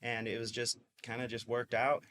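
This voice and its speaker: A man in his twenties from Mississippi, a dispensary owner appearing as a podcast guest, chats in a casual interview. He rambles upbeat with lots of fillers, his mid-range voice level in tone, fairly bright, and moderately paced.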